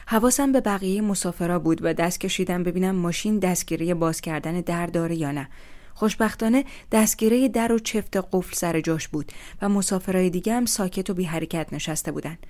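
A woman with a somewhat low voice tells a personal story in the first person. Her delivery is steady and reflective. She sounds like a young adult.

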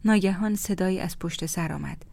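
A woman narrating a story in a calm, measured way, often dropping close to a whisper. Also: on the low side, vocal fry, no echo. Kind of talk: storybook reading.

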